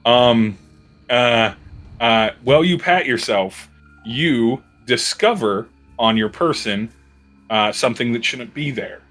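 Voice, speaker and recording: A man's voice: mid-range voice, expressive, takes it slowly, a bit bright, faint music behind. A man narrating a tabletop game as game master, describing scenes in a loose, rambling way.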